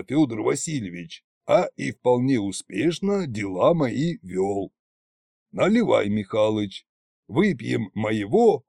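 A man voicing old Koshchei, a gruff, sly deathless king, with a husky, drawling, mocking delivery. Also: mid-range voice, darkish tone, no echo, clean studio sound, exaggerated voice. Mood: wry. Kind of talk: audiobook character voice.

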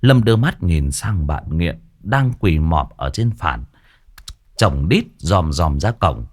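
Male storyteller, colloquial horror narration; low voice with lively pitch. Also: takes it slowly.

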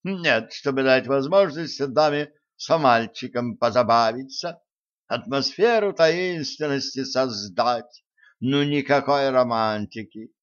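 A man's voice: medium pitch, slow, highs cut off, close to an everyday voice. A man reading an audiobook voices a playful, flirtatious female ship hologram who talks in a mocking tone. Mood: teasing. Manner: mocking, teasing.

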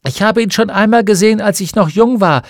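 A man doing a shrill, stooped old woman. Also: no room sound, studio quality, natural voice. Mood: excited. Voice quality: high, cracking old voice. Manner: excited, hurried exclaiming.

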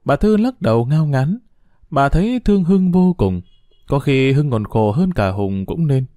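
A male narrator, telling a story in a lively, expressive voice. His pitch moves widely, and the sound is dry and close to the mic. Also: a little slow, no room sound.

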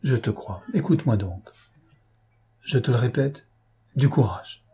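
A man's voice: medium pitch, unhurried, warm tone, slightly rough. A man voicing an anxious, tender elderly aunt and governess, pleading and soothing by turns, in an audiobook. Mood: solemn.

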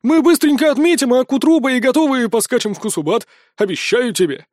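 A man voicing a towering female mercenary warrior who booms threats and rough teasing. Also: big pitch swings, moderate pace, warm tone, no room sound, studio quality.

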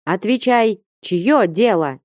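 A woman's voice: mid-range voice, lively intonation, takes it slowly, a little mellow, no echo. A woman reading aloud and voicing a stern, fiery old abbess who scolds and commands in a raised voice. Dry, close sound. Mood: demanding.

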